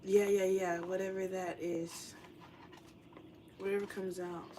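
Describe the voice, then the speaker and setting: A woman's voice: medium pitch, little pitch movement, slow, very noisy. Rambling young woman giving a tarot reading. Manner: rambling, filler-heavy, meandering. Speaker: tarot reader.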